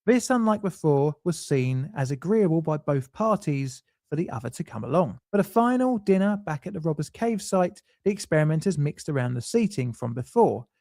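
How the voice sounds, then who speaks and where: A man narrates a scripted explainer in a measured, faintly dry manner. His voice sits a little high for a man, and the recording is close and dry with no room sound. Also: very animated, vocal fry, mellow, no room sound. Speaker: documentary narrator.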